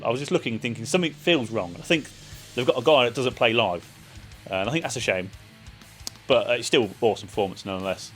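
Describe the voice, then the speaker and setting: A man's voice: medium pitch, fast, fairly bright tone, faint music behind. A man giving a casual, chatty spoken review of a festival, loose and full of ums and uhs. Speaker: vlogger reviewing a metal festival.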